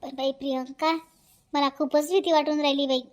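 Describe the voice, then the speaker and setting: A woman's voice: high-pitched, steady tone, normal speed, natural voice. A woman doing a timid, frightened village woman with a Vidarbha accent. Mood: fearful. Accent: Vidarbha Marathi. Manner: fearful, hesitant, soft.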